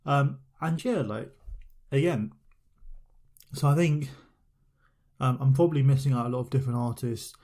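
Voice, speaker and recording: Speaking at normal speed with long pauses, a young male podcast host has a medium-pitched, dark-toned voice. He rambles through a casual solo chat, telling stories loosely and leaning on lots of fillers.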